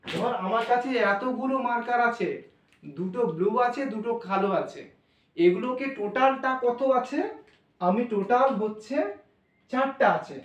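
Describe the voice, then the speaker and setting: Heard from a distance in a roomy classroom with a blackboard, a Bengali-accented maths teacher speaks at normal speed in an extremely high voice. He keeps the lesson informal and reassuring, thinking aloud while explaining.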